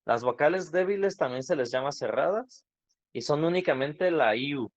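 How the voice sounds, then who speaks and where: A man's voice: on the high side, animated, normal speed. A man teaching an online grammar class, explaining patiently and asking students questions. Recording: dull lo-fi online class audio.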